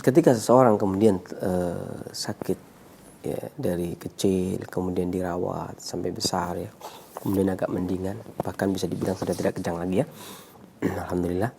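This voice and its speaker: Male health consultant, gravelly and mellow, explanatory and repetitive, with faint noise behind. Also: sits low, steady tone, moderate pace, poor audio. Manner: repetitive, checking with 'ya'. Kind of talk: explanatory advice to callers.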